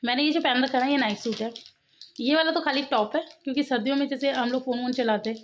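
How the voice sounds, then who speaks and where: A woman's voice: high-pitched, fast, highs cut off, a little hiss or hum. A woman in her thirties chatting at home to her viewers in a casual vlog, laughing often and coaxing her children. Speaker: vlogger, mother.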